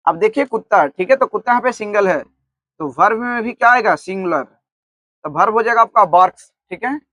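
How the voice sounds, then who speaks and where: High-voiced man teaching grammar. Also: bright, forceful tone, no echo. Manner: repeats "theek hai" often, asks and answers his own questions; spells words out slowly while writing on the board. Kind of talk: online grammar lesson.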